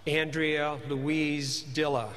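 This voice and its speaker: A man formally announcing graduates at a commencement, speaking at a podium microphone and reading names in a measured, deliberate way. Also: a little high, flat delivery, a bit bright, a little hiss or hum. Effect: speaking into a podium microphone in a large hall. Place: large ceremony hall. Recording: reverberant hall, faint ambience.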